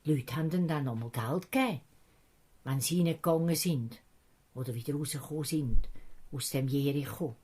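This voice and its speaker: A woman's voice: sits low, normal speed, breathy edge. A woman with a Swiss German accent telling a Bible story to children, acting out the characters' voices. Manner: lively, acts out the characters' voices.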